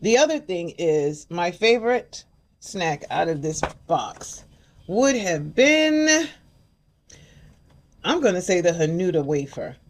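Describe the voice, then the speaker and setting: A woman's voice: fairly low pitch, sing-song, slow. An older woman hosting a casual chat, chatty, sometimes reading package text aloud. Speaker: host.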